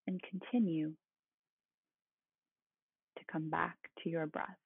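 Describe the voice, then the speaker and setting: Calm, creaky meditation guide with husky voice. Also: medium pitch, slow pace. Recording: roomy, phone-like thin sound.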